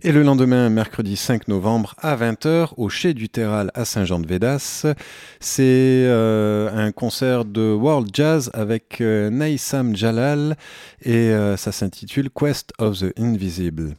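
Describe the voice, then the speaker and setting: A man hosting local radio, reading out an events agenda in a relaxed way with frequent fillers and small self-corrections. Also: lowish voice, slow, clear, resonant tone, no room sound, clean studio sound.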